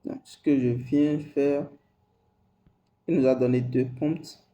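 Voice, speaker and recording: A man hosting a screen-recorded software tutorial, talking hesitantly and repeating words as he types. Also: medium pitch, fairly even intonation, slow, dull audio, slight background noise. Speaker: tutorial host.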